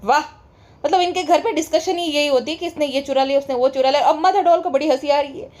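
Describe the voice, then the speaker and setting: A woman with a high-pitched voice delivers gossip commentary for an online vlog, talking straight to her viewers. She is sarcastic and scolding throughout, mocking the people she is discussing. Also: fast talker, darkish tone.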